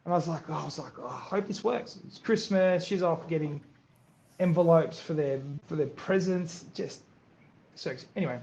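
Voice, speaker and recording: A man, chatting as a podcast guest, animated and repeating words as he tells stories. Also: on the high side, normal speed, creaky, highs cut off. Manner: animated, repeats words, acts out others in quotes. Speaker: podcast guest, business owner. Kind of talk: casual interview chat.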